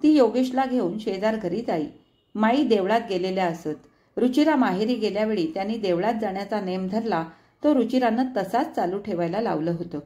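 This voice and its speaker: A woman storyteller reading a novel aloud in calm, measured narration. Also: mid-range voice.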